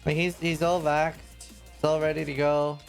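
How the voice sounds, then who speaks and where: A man's voice: a little high, flat delivery, moderate pace, gravelly, faint music behind. A man from Norway, a game streamer rambling in casual chat, full of fillers and restarts.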